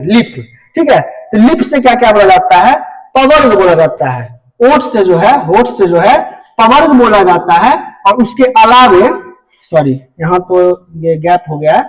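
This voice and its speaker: Young guy teaching grammar, high voice, w/ ish flavor, keeps asking his own questions n answering. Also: rough recording. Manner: explains step by step, often checks with "ठीक है" and asks then answers his own questions. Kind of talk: classroom lesson.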